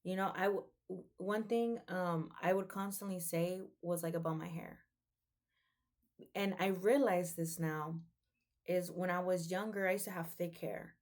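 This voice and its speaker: A young woman talks earnestly to her viewers, her voice sitting a little low. She preaches in a casual, chatty way, with "like" and "um" scattered through her sentences. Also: fairly even intonation, a little slow, darkish tone. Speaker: vlogger. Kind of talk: casual motivational talk.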